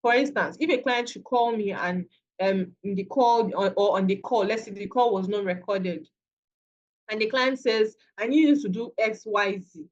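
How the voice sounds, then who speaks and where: In this masterclass lecture, a virtual assistant trainer speaks with a Nigerian accent, keeping things conversational and frequently starting her phrases over. She has a mid-range voice at a moderate pace, and the audio is dull.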